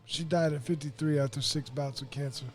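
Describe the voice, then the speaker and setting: A man's voice: fairly high pitch, steady tone, fairly quick. A young man from Florida as a podcast guest, talking candidly and rambling with fillers in a casual interview. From Pine Hills, Florida. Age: young adult.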